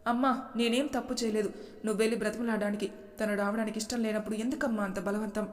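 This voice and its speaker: Woman doing a despairing young husband, quiet, flat tone, echoey room. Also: sits high, fast talker, lightly acted.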